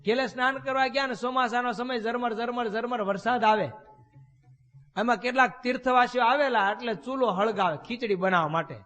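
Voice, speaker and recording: Preaching in a temple hall, a swami whose voice sits very high for a man gives a storytelling sermon full of folksy tales and rhetorical questions to his listeners. He speaks a little fast with a sharp tone, and a long hall reverb rings around him.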